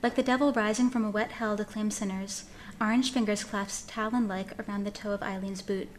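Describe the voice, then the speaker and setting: A woman reading a piece of fiction aloud in an expressive, dramatic storytelling manner. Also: mid-range voice, brisk, a little hiss or hum. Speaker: story reader.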